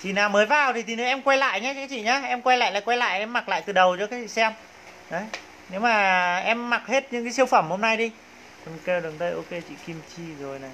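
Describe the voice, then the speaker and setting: A man's voice: very high voice, fast talker, sharp tone, a little hiss or hum. A man with a Northern Vietnamese accent selling clothes on a livestream in a coaxing, hyping salesman's patter. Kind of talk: live sales pitch.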